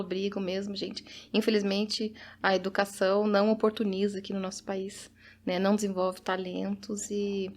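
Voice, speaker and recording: Brazilian teacher lady on a podcast, chatty, tells little personal stories. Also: mid-range voice. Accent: Brazilian Portuguese. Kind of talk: casual podcast chat.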